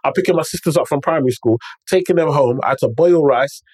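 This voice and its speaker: This man's voice sits on the high side, darkish in tone with a breathy edge, and he talks at a quick pace in a dry recording. Speaking with a London roadman accent and urban multicultural slang, he tells stories and hands out motivational advice emphatically and conversationally, repeating phrases and checking in.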